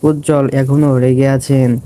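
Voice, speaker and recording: A man's voice: mid-range voice, flat delivery, measured pace, warm tone, slight background noise, lightly acted. A man voicing a frightened but defiant young wife who stammers when cornered. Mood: plaintive. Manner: hesitant, stammering.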